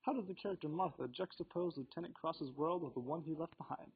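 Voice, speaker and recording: On a school book podcast, a teenage boy reads his scripted questions with formal, somewhat theatrical flair. His slightly rough voice is a little high and quick, and the recording sounds dull and lo-fi with faint background noise.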